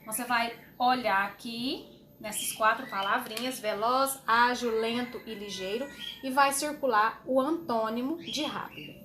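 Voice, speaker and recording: A woman teacher explaining a homework sheet to young children, slowly and patiently, with fond little words. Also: on the high side, fairly even intonation, a bit bright, slight background noise. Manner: slow, patient, uses diminutives. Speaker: schoolteacher.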